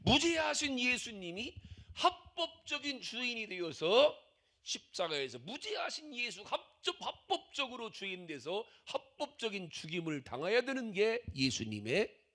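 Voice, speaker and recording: An older male pastor preaching with emphasis, his high voice rising and falling widely. He piles up repeated rhetorical questions, and a gravelly rasp runs through his delivery. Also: very animated, unhurried, sharp tone. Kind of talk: sermon.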